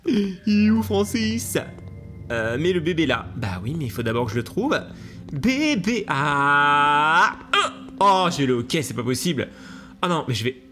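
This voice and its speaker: A man commentating a video game to his viewers, excitable and laughing often, with hiccups. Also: a little high, measured pace, faint music behind. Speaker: gaming YouTuber. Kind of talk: let's play commentary.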